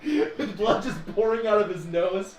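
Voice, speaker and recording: A man narrating a tabletop game as game master, animated, laughing often and filling his speech with "like". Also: high-pitched, unhurried, roomy sound, noisy background.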